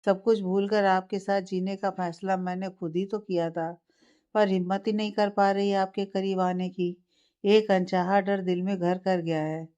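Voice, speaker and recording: A woman's voice: mid-range voice, little pitch movement, moderate pace, dark tone, natural voice. A woman voicing a fearful young wife who speaks tearfully and apologetically, on a slightly muffled lo-fi recording. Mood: apologetic.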